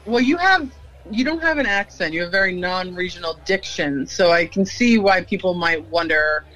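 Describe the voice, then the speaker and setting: High-voiced, chatty man co-hosting. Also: normal speed, pushed and bright, low-quality recording. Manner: eager, chatty, says "like" a lot. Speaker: podcast co-host. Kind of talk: casual chat.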